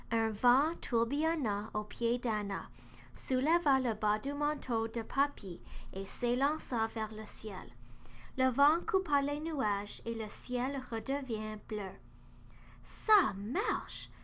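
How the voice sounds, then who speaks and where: A woman reading a children's storybook aloud, slowly, clearly and carefully. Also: a little high, pushed and bright. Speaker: narrator.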